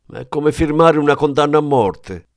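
A man voicing a frightened, corrupt male police detective in an audiobook, shrill and pleading. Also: animated, normal speed, no echo, studio quality. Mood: panicky.

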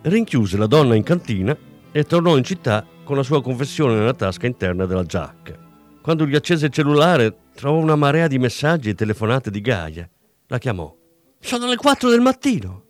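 A man reading a crime novel aloud in a measured, expressive way. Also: medium pitch, faint music behind. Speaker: audiobook reader. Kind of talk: scripted narration.

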